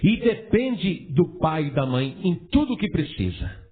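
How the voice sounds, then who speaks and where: Male pastor, animated sermon full of rhetorical questions, higher voice with lots of swing, tinny phone-like audio. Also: unhurried.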